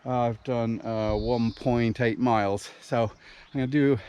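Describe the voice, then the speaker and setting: A man's voice: mid-range voice, steady tone, unhurried, a little mellow, smooth. A man out of breath, chatting casually to his vlog while jogging outdoors on an uphill road. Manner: talking while jogging, puffing. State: out of breath, occasional cough. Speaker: running vlogger. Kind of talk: casual vlog chat to camera. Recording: noisy outdoor recording.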